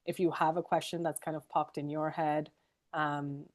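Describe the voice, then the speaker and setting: A woman moderating a discussion, gentle and inviting, with some fillers. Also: low-pitched, little pitch movement, moderate pace.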